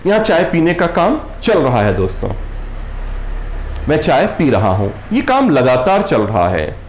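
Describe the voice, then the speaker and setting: A man teaches a grammar lesson at an unhurried pace. His voice sits a bit high and rises and falls a lot as he repeats each point. The recording has a roomy echo. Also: a little mellow, a little hiss or hum. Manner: repeats points, addresses viewers as friends, reads English example sentences slowly. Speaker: English teacher. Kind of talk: classroom-style grammar lesson. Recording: echoey room.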